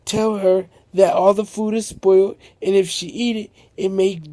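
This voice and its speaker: A man's voice: sits high, flat delivery, moderate pace, warm tone. A man improvising a story aloud, rambling and correcting himself as he goes.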